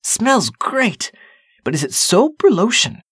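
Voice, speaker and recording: A man reading a story aloud, voicing an excitable young man whose voice jumps high when amazed. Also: takes it slowly, husky, dry recording, studio quality, full character voice. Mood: excited.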